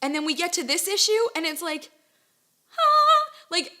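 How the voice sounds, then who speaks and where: A young woman co-hosting a casual comics chat, animated and giggly, often trailing off mid-thought. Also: sits high, fast talker. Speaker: podcast co-host.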